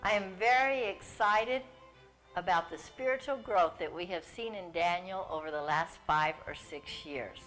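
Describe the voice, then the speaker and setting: An older woman giving a gentle, sincere scripted endorsement. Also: fairly low pitch, measured pace, faint music behind, rough recording.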